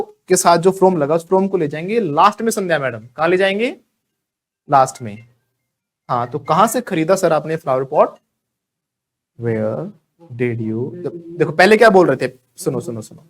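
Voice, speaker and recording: A man teaching spoken English to a live class with an Indian English accent, lively and joking, quizzing students by name. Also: high voice.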